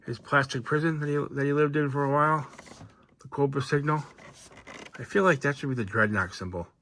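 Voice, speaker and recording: A man casually reviewing an action figure, relaxed and rambling with lots of fillers and restarts. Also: medium pitch, slight background noise. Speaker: toy reviewer.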